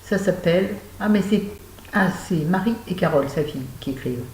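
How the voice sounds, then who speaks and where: A woman's voice: fairly low pitch, animated, a little fast, darkish tone. An older woman from France chatting about books in a rambling, self-mocking, exclamatory way, recorded at home. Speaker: book vlogger. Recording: echoey room with faint hum.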